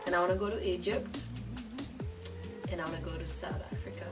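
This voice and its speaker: A woman's voice: lowish voice, fairly even intonation, fairly quick, far from the mic, over loud music. A woman from Kenya, easygoing and chatty as a guest in a casual conversation. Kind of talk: casual group chat.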